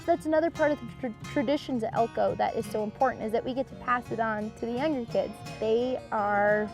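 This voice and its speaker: A woman's voice: a little high, brisk. A young woman in her late teens, a cowboy musician, talking earnestly in an interview. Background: music under the voice.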